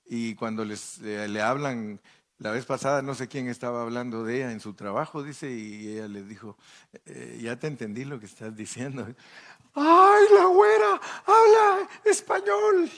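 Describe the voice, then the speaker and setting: A man's voice: mid-range voice, steady tone, moderate pace. An older man preaching a sermon as pastor, telling folksy stories and acting out the people he quotes. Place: church.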